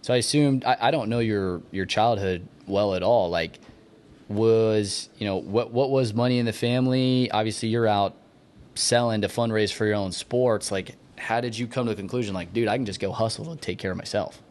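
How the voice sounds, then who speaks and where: A man's voice: lowish voice, normal speed, darkish tone. A man hosting a podcast interview, asking questions in a loose, casual way with stammered restarts and slang. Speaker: podcast host.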